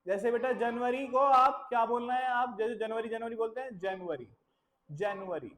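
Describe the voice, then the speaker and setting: Speaking at a normal speed with a fairly high pitch, a woman leads a lesson for children in a village school. She drills pronunciation by patiently repeating words and blends English phrases into her Hindi. The recording is of poor quality.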